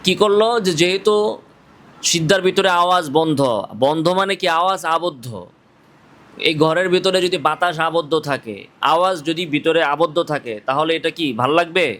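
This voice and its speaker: A man's voice: a little high, a little fast, a bit bright. A man with a Bangladeshi Bengali accent teaching a class on how to pronounce Quranic letters. He asks the students questions, answers them himself and demonstrates each sound aloud. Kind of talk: classroom tajweed lesson.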